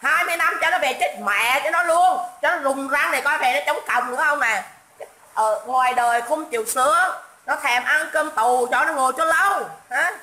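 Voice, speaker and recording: High bright mocking woman ranting. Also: moderate pace, echoey room, rough recording. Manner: mocking, scolding, insulting, repeats herself. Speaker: livestream host. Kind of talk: political rant livestream.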